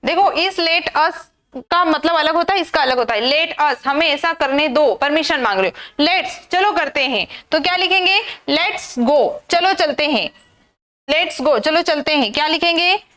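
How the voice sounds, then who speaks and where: Indian woman teacher, very high voice, drills exam grammar with repeated questions. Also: expressive, moderate pace, bright, forceful tone. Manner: repetitive drilling with rhetorical questions. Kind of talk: exam-prep grammar lesson.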